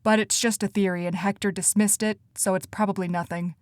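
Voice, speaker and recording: A woman voicing an earnest, anxious teenage boy who talks eagerly in rushes, in an audiobook. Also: mid-range voice, fairly even intonation, darkish tone, no room sound, studio quality, close to an everyday voice.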